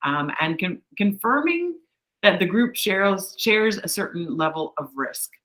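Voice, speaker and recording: A woman's voice: medium pitch, big pitch swings, a little slow, a bit bright, poor audio. A woman presenting an online fundraising workshop in a chatty, encouraging way, on a video call. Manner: chatty, encouraging, with light laughs.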